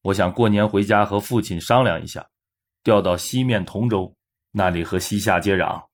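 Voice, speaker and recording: A man's voice: on the low side, normal speed. A man voicing a grave young elder brother and officer in a historical audio drama, speaking earnestly and firmly. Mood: thoughtful.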